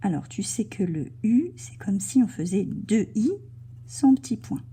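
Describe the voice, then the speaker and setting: A woman teaching young children to write in cursive, slowly and gently describing each stroke as she writes and now and then dropping to a soft whisper. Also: medium pitch, lively intonation, husky. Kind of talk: handwriting lesson for children.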